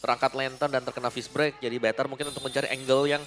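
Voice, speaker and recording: A man's voice: mid-range voice, flat delivery, fast talker. A man with an Indonesian accent explaining plays as an analyst in live esports commentary. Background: loud music.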